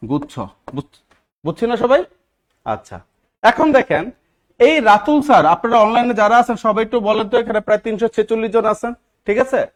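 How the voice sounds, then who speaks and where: A man teaching English grammar in a live online class, often asking his students questions and repeating key words. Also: high-pitched. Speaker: English teacher for job exams.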